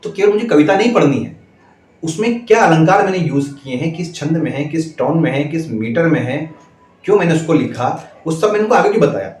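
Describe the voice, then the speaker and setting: A male schoolteacher telling viewers a story in a measured, deliberate way, with steady pauses, addressing them as friends. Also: fairly high pitch, roomy sound. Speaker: schoolteacher and channel host.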